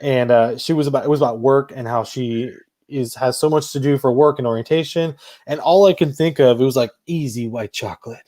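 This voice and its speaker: A man's voice: mid-range voice, steady tone, brisk, mellow, no room sound. A man from Florida hosting a podcast, chatting casually and joking with movie quotes. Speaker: podcast host. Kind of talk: casual chat.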